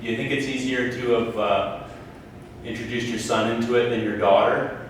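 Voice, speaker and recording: A man, a fellow tattoo artist, asking questions in a halting way with many ums and uhs during a casual chat over pool. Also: mid-range voice, steady tone. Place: indoors at a pool table. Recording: echoey room, distant mic, faint background noise.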